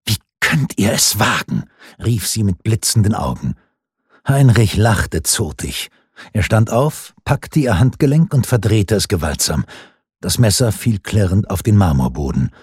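Male audiobook narrator, husky and low, lively dramatic reading. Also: unhurried, dry recording, studio quality. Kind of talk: scripted narration.

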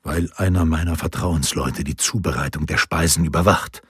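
Brief: earnest middle-aged guard, voiced by a man, low, husky, dry close reading. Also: a bit bright, dry recording, full character voice. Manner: measured, earnest pleading.

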